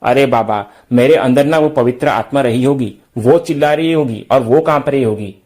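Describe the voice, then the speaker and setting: A man's voice: mid-range voice, moderate pace, a little mellow, natural voice. A man reading the lines of a young man who fakes a holy trance, in a colloquial, self-assured ramble. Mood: scheming.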